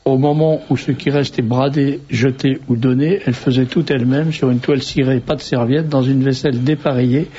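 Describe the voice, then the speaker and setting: A man's voice: mid-range voice, fairly even intonation, fairly quick, few pauses, mellow, husky. A man hosting a radio talk show, making teasing, opinionated remarks. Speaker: radio host. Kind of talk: radio conversation. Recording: dull radio sound.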